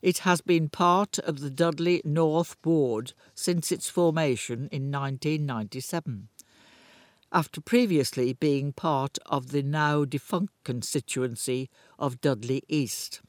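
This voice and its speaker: A man reading local news stories aloud in a slow, deliberate way, with the odd dry aside. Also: a little high, dry recording. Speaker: news reader.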